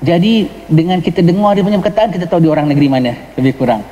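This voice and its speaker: Man, johor malay accent, mosque lecture, slightly high mellow voice, long hall reverb. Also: expressive, racing, highs cut off. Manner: explains patiently, mixes in English words, asks the listeners "ha?". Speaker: religious teacher. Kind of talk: mosque lecture on a religious text.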